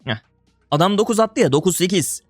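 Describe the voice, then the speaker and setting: Young man, gaming streamer, casual commentary, exasperated groans, slightly high voice, dry close mic. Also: lively intonation, brisk, husky, no echo, faint music behind. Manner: exasperated, groaning and swearing under breath; addresses viewers as brother and buddy.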